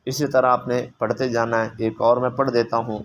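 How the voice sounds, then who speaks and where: A man teaching a recitation lesson, alternating brisk explanation with long, slow, stretched-out letter sounds. His voice sits at an ordinary middle pitch, with a faint hiss of noise behind it. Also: little pitch movement, dull audio. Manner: explains quickly, then draws out letters slowly and loudly. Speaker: Quran reading teacher.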